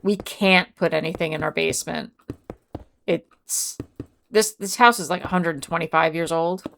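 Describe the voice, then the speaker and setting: Chatty woman streamer, lowish voice. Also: normal speed, vocal fry, fairly bright tone, slight background noise. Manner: chatty, reads and answers chat aloud. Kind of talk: casual live-stream chat. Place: home.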